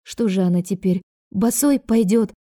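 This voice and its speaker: A woman narrating an audiobook in a calm, measured storytelling voice. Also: mid-range voice, no echo, clean studio sound. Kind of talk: audiobook reading.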